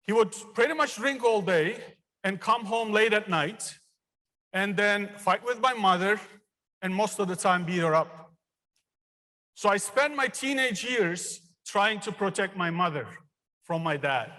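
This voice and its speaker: A man's voice: high-pitched, expressive, pushed and bright. Man from Turkey speaking in a reverberant hall. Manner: earnest, personal storytelling with pauses. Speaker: engineering professor giving a commencement speech. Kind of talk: commencement speech. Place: large theater. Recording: long reverb of a large hall.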